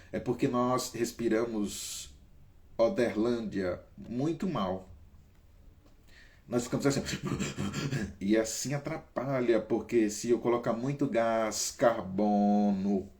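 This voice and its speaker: Man from Brazil, host, casual coaching talk, emphatic, shifts pace and loudness. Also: medium pitch. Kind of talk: casual talk on anxiety, addressing listeners by name.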